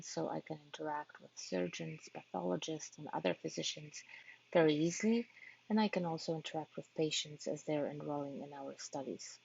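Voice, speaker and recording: Presenting her research to families of patients, a Polish physician-scientist whose first language is Polish speaks in a low, deeply gravelly and husky voice. Her delivery is earnest and measured, with occasional pauses as she searches for words, and the sound is dull and lo-fi, as if from an online talk.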